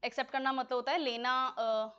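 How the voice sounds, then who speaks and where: A woman's voice: sits high, level tone, a little fast, clear, resonant tone, lo-fi sound. A woman teaching an English exam-prep lesson in Hindi, explaining words step by step and often checking that students follow.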